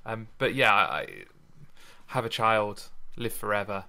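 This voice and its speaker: A man's voice: lowish voice, fairly even intonation, a little slow, pushed and bright, clear, resonant tone. A man co-hosting a casual chat about poetry, hesitant and repeating his words. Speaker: podcast co-host. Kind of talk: casual literary discussion.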